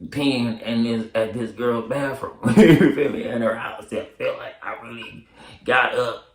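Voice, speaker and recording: A man's voice: medium pitch, a little slow. A young man casually telling a story in heavy slang, laughing often and acting out his own reactions. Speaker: storyteller vlogger. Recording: echoey room.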